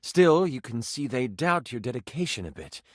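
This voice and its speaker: In a video game, a man voices a personified D20, an eager, theatrical male game master narrating a fantasy tabletop adventure. His mid-range voice moves at a normal speed, dramatic and expressive with asides. The audio is studio quality with no echo.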